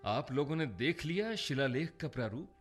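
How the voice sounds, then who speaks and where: An actor playing a remorseful, brooding Indian emperor in a Hindi radio drama, solemn and theatrical with dramatic pauses. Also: male voice, a little high, very animated, breathy edge, soft background music. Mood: grave, confessional. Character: remorseful, brooding Indian emperor, once feared for his rage.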